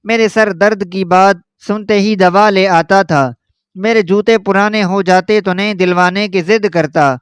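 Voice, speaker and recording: High-voiced man narrating a story. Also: fairly even intonation, clean tone, no echo, studio quality. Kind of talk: first-person story narration.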